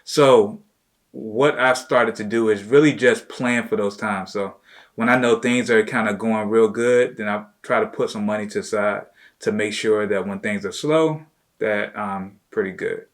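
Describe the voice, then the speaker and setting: A man with a fairly low voice hosts a relaxed conversation. He talks loosely and informally, with plenty of "you know" and "like" fillers, in an easygoing chat style. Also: measured pace. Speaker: host, entrepreneur. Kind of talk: casual chat with his wife.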